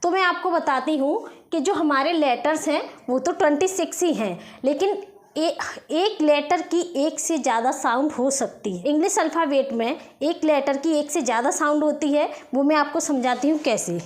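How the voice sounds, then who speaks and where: A woman's voice: high voice, moderate pace. A woman with an Indian accent teaching a spoken English lesson, explaining step by step and checking in often.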